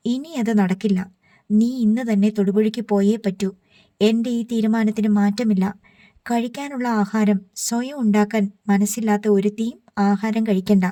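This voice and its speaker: A woman's voice: mid-range voice, fairly even intonation, moderate pace, dry recording, clean studio sound, close to an everyday voice. A woman reading the lines of an angry middle-aged father who scolds his daughter. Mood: stern. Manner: scolding, forceful.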